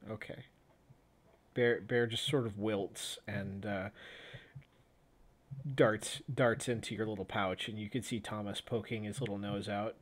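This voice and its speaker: A man running a tabletop role-playing game as game master, narrating scenes with pauses and restarts. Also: lowish voice, fairly even intonation.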